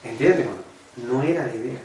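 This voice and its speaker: A man's voice: mid-range voice, moderate pace, darkish tone, echoey room, recorded from a distance, slight background noise, poor audio. A man preaching a personal testimony sermon, earnest and confessional, often calling his listeners brothers. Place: church meeting room.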